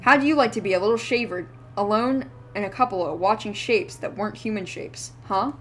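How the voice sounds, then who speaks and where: A woman's voice: mid-range voice, a little fast, a bit bright, a little hiss or hum, close to an everyday voice. A woman voicing a wheezy, ranting old drunk man who rambles feverishly in rustic old-timer speech. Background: faint background music.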